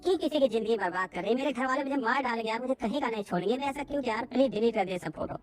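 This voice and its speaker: A woman's voice: fairly high pitch, rapid-fire, soft background music, close to an everyday voice. A woman voicing an exasperated young college girl who scolds and pleads with her roommate. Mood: pleading.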